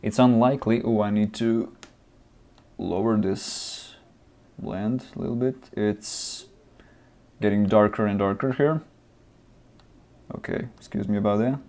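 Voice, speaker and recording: This young gaming vlogger, a non-native English speaker, rants loosely with plenty of fillers and restarts, filmed close on a desk webcam in a small room. He speaks a little slowly, pausing often, in a mellow voice on the low side.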